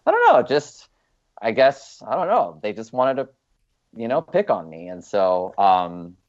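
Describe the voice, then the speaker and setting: A young man from Los Angeles, an actor appearing as an interview guest, speaks in a fairly low voice at a measured pace. He's relaxed and rambling, chatting casually and filling his talk with lots of ums and you-knows. The recording has a dull, lo-fi sound.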